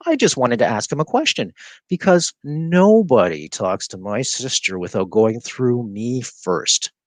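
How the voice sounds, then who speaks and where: A man voicing a tough schoolboy guarding his twin sister, speaking slowly and coldly in a storybook reading. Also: mid-range voice, sing-song, dry recording. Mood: threatening. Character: tough protective twin-brother schoolboy, cold.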